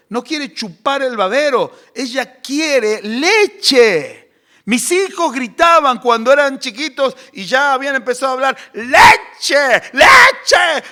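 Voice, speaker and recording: High-voiced pastor preaching. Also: male voice. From Argentina. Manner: animated, acts out crying babies and shouts. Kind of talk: sermon.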